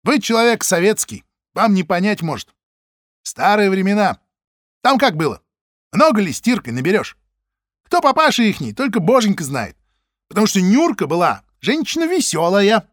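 A man reading an audiobook voices a loud, coarse woman janitor who talks in a crude, folksy, mocking way. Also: high voice, sing-song, moderate pace, no room sound, clean studio sound, pitched above the performer's own voice. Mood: brash.

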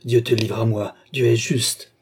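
A man voicing a furious young nobleman in an audiobook, raging and accusing, sometimes breaking into shouts. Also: mid-range voice, unhurried, husky. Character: furious young male nobleman seeking revenge.

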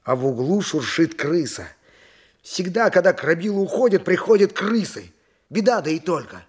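A husky, high-sitting male voice, animated and at normal speed, portrays a poor ancient Greek donkey driver. The audio drama has him both recounting and enacting his story through narration and dialogue. He comes across as plaintive and simple, resigned and sorrowful.

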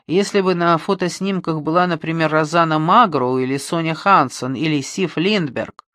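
A reader voicing a calm male police detective who questions softly and persistently in an audiobook. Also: mid-range voice, moderate pace, no echo, studio quality, lightly acted. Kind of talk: audiobook reading.

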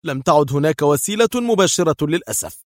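A man's voice: a little high, animated, fast talker, no echo, clean studio sound, voice pushed up, close to an everyday voice. A man voicing a bitter, tense male intelligence director in an audiobook. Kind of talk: audiobook character voice.

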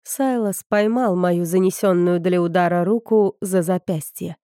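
Woman, audiobook narrator, scripted narration, low pitch, mellow tone, dry close sound. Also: unhurried, dry recording.

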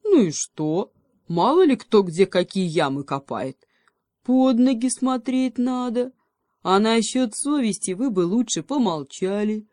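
Brash mocking storybook pig, read by a woman, slow and loud. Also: fairly high pitch, animated, no room sound, studio quality, pitched above the performer's own voice. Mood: brazen. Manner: brash, drawling, scolding. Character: sly boastful female pig, loud and mocking.

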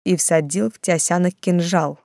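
A woman voicing a calm, measured middle-aged male detective in an audiobook. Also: lowish voice, gravelly, no echo, clean studio sound.

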